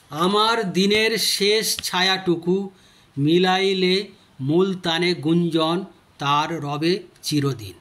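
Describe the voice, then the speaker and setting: Man, teacher, high voice, slow deliberate delivery, stretched-out key words, reciting verse in a lesson. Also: fairly bright tone. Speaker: teacher explaining Bengali grammar.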